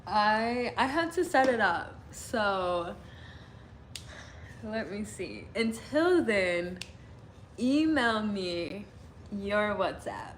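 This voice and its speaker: A woman's voice: mid-range voice, animated, very slow, pauses often, slight background noise. A young woman from Illinois in the US Midwest, hosting a casual livestream, chatting with viewers, giggling often and saying "like" a lot. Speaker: livestream host. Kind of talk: casual livestream chat reading comments.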